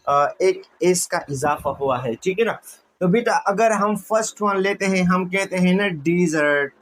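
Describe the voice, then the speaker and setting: A man's voice: high voice, fairly bright tone, low-quality recording. A man teaching English vocabulary, repeating words and asking and answering his own questions to his students. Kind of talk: classroom-style lesson explanation.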